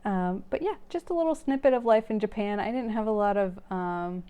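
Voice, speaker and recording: Talking straight to her viewers, a knitting vlogger chats casually and rambles, dropping plenty of fillers and little laughs. She has a medium-pitched, mellow, clean-toned voice and speaks a little fast.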